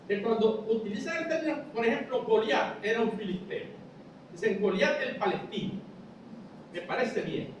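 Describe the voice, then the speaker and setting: Male pastor, high voice, sermon style, heavy church-hall echo, off-mic. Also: far from the mic, slight background noise. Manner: explanatory preaching, rhetorical questions, addresses listeners as brother.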